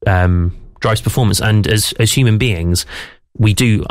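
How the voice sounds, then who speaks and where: A man's voice: fairly low pitch, a little slow, no room sound, studio quality. A man who is a theatre director, explaining and coaching a reading in a radio conversation, thoughtful with frequent restarts.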